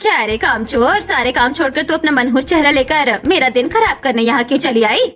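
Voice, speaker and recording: A woman voicing a cruel, high-voiced mother-in-law. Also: expressive, a little fast, fairly bright tone. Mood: harsh scolding. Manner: harsh, taunting, threatening. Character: cruel scolding old village mother-in-law. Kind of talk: cartoon story voice acting.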